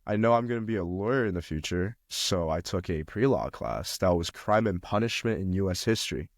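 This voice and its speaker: Expressive and a little fast, a young man from China speaks in a low voice while casually discussing college life on a podcast, with many fillers and restarts. The recording is dry and studio quality.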